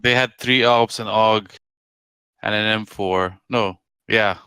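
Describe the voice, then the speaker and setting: A man giving casual esports analysis as a co-caster, halting and thinking aloud as he goes. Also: lowish voice, fairly even intonation, pushed and bright, clear, resonant tone.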